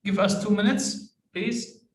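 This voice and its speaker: A man's voice: high-pitched, fairly even intonation, unhurried, a little hiss or hum. A man hosting an online webinar over a video call, speaking politely with many hesitations and fillers. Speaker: webinar host. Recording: echoey room, distant from mic.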